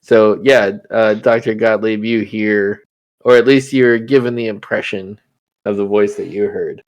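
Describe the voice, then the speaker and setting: A man's voice: fairly low pitch, fairly even intonation, measured pace. Laid-back man running a tabletop game. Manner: laughs often, easygoing. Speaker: game master.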